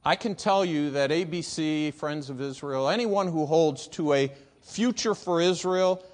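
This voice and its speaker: Male preacher, somewhat high voice, earnest storytelling sermon, pauses then presses hard.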